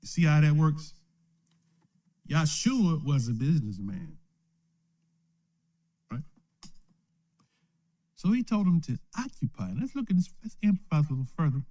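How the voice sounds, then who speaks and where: With a slightly high, warm, sing-song voice, an elder unhurriedly teaches the Bible, pausing at length between thoughts. The informal lesson streams live from his home or a small study, and he asks "right?" after most points and chuckles plenty.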